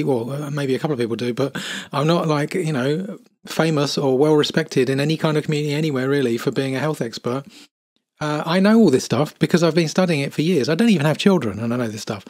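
A man's voice: medium pitch, dry recording. A man giving scornful, incredulous commentary over video clips, with many fillers.

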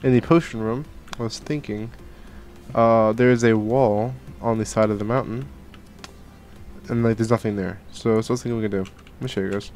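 A young man with a lowish, slightly mellow voice keeps a steady tone and moderate pace while rambling through casual Minecraft let's play commentary, with soft background music. A gaming channel host catching a cold, he speaks from his home gaming room with lots of fillers and restarts. He's on a headset and desk studio mic.

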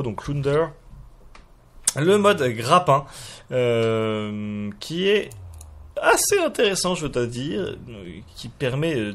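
A man giving casual, hesitant commentary while showing a game mod, full of fillers and restarts and chuckling at himself. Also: mid-range voice. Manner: self-mocking, chuckles at himself. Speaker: YouTuber presenting a game mod.

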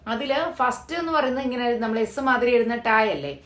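A woman from Kerala who lives in Hyderabad tells stories in a casual vlog, walking through things step by step and using plenty of fillers. Her voice is on the high side and fairly quick, with a reverberant sound.

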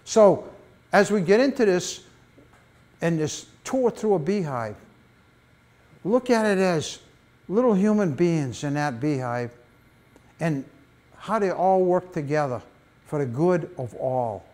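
An older man giving a public talk on beekeeping in a library meeting room, an animated storyteller with folksy asides, speaking on a lapel mic. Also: a little high, takes it slowly, pauses often. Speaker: beekeeping presenter.

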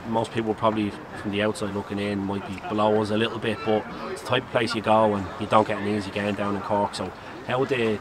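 An Irish man interviewing a player after a match, asking chatty, rambling questions outdoors at a stadium at night. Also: fairly low pitch. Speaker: club interviewer. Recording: outdoor traffic noise.

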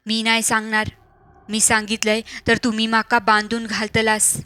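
A woman voicing a greedy, menacing spirit that has possessed a young wife, speaking slowly with a Malvani accent. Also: fairly high pitch, monotone, sharp tone, clean tone, no echo.

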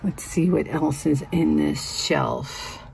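Slow, gravelly-voiced woman thrifting. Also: sits low, a little mellow, slight background noise. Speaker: vintage reseller vlogger. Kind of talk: casual thrifting narration. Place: inside a cluttered antique store.

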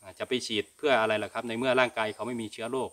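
Racing through his answers, a middle-aged man from Thailand hosts a cattle farming channel and responds to viewer questions informally with plenty of polite particles. His mid-range voice is fairly bright and steady in tone, and he's set in an open-sided cattle barn.

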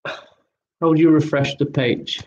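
A man's voice: on the high side, steady tone, measured pace, lo-fi sound. Chatty man hosting an online quiz. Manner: chatty, apologetic, reads questions twice. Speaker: quiz host.

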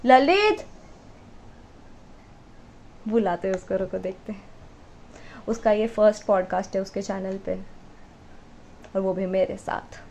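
A woman's voice: mid-range voice, flat delivery, normal speed, gravelly, pauses often, warm tone, a little hiss or hum. A young woman chatting casually to camera at home as a vlogger, setting up her gear as she talks. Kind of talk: casual vlog chat. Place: at home indoors.

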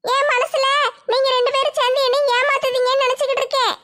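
A woman's voice: very high-pitched, level tone, fast talker, a bit bright. A woman voicing a stubborn, defiant young woman in a comedy sketch. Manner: defiant, scolding.

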